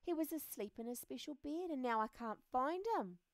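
An excitable, kind little worm, as a woman puts it on for a storybook, chirping high and eager. The voice leaps up and down a lot, recorded close and dry. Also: moderate pace, no echo. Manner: bright, eager, raised pitch. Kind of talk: storybook read-aloud.

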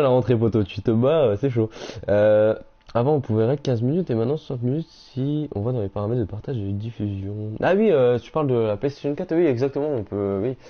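A young man chatting casually on a game live stream, reading out viewers' messages and answering them in slangy, relaxed talk. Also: mid-range voice. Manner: slangy, reads chat aloud and answers viewers. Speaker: gaming streamer. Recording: dull lo-fi stream audio.

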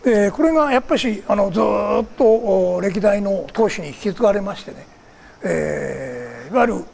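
A man's voice: high-pitched, lively intonation, moderate pace, vocal fry, a little mellow. An older man from Kagoshima giving a formal public lecture, polite and digressive, with many fillers between phrases. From Kagoshima, Japan.

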